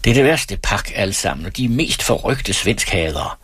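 A man voicing a drunk, boastful, hot-tempered estate steward who talks loudly and haughtily. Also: fairly low pitch, lively intonation, husky, no room sound, clean studio sound. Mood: ranting. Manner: loud and haughty.

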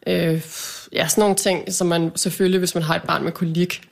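A woman with a slightly low voice, chatting casually. She speaks frankly and reflectively. Her thoughts come out in loose, trailing phrases. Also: little pitch movement, gravelly. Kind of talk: casual chat.

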